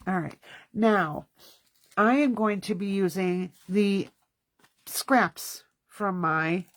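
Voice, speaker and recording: With a mid-range voice and a slow delivery, a woman leads an informal card-making class, chatting to herself as she works. Her nose sounds stuffy, and there is no room sound.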